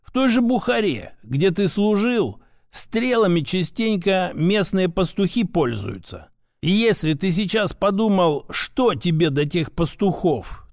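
A stern old grandfather and mage teacher, put on by a male narrator, speaks in a calm, measured, instructive way. The voice sits fairly high and sounds dry and close, with no room around it. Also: no echo. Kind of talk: audiobook character voice.

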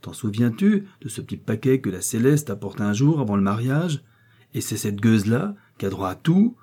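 A man voicing a bitter, scolding old peasant woman who is quick to rage, with shrill indignant outbursts. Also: sing-song, mellow, slightly rough.

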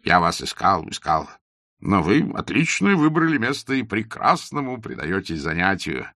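A man's voice: sits low, very animated, moderate pace, bright, forceful tone, no room sound, studio quality, exaggerated voice. A man voicing a talkative old country doctor in his sixties, a doting father who rambles in flowery phrases. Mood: fond, chatty. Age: 60s.

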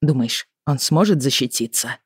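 A stern, worried middle-aged father speaks in measured, grave tones, voiced by an audiobook reader, a little raised and firm. The weariness sits under every line. The recording is dry and close, with no room sound. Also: medium pitch, animated, husky, no echo. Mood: grave, weary. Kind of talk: audiobook character reading.

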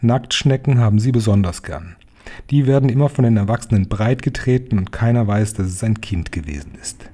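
A man voicing a serious, protective old grandmother who smokes cigars, speaking calmly and earnestly. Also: fairly low pitch, fairly quick, lightly acted. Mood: ominous.

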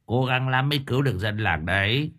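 A man's voice: mid-range voice, expressive, brisk. A man voicing a boastful old village exorcist who bellows orders in a bombastic way. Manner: bombastic, shouting.

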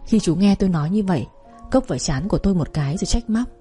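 A woman narrating a first-person romance story in a steady, measured reading. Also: lowish voice, faint music behind.

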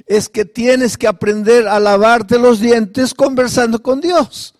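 A male pastor preaching a sermon, firing off repeated rhetorical questions and at times dropping to a soft, confiding tone. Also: very high-pitched, fairly even intonation, slow pace, dry recording, studio quality.

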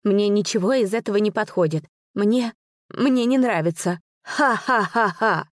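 A woman's voice: mid-range voice, measured pace, darkish tone, dry recording, studio quality, close to an everyday voice. A woman voicing a tall, ageless shadow man who mumbles shyly and then laughs shamelessly, in a storybook reading. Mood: bashful mocking. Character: shy tall ageless male shadow, giggling.

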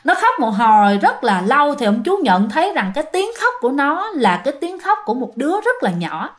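Speaking briskly in a high, sing-song voice, a woman chats her way through a ghost story. She talks directly to the people listening.

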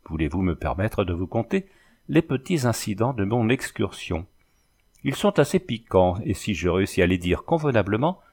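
A man reading a classic novel aloud in a measured, expressive way, including the letters in the story. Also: on the low side. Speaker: audiobook reader. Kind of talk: scripted narration of a classic novel.

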